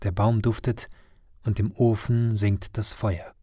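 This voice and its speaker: A man narrating a children's Christmas story in a gentle storytelling manner. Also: lowish voice, flat delivery, unhurried, no echo, studio quality. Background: faint music.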